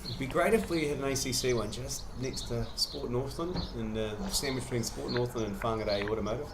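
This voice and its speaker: Male New commentator, casual and jokey with excited play-by-play, ordinary pitch, faint outdoor noise. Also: fairly quick. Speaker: cricket commentator. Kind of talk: casual live sports commentary. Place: outdoor cricket ground.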